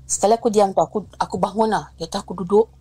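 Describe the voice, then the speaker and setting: A young woman telling her own ghost story in casual chat, lively, acting out each person's lines and slipping English phrases in. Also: mid-range voice, racing, husky, dry recording. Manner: lively, acts out the other people's lines, mixes in English phrases. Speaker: guest sharing a ghost story.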